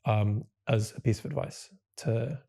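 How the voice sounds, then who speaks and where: A man's voice: lowish voice, unhurried, vocal fry, dark tone. A man in his twenties hosting a casual music interview, asking long, rambling questions that circle back and correct themselves. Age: 20s. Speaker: podcast host.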